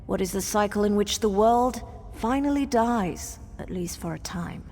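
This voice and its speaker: Her mid-range voice has a dark tone and stays close to an everyday sound, animated and at a normal speed. She is an actress playing an ancient, solemn spirit guardian who delivers cryptic riddles ceremonially in a fantasy game, a piece of theatrical dialogue. Background noise and a long, cavernous reverb fill the recording.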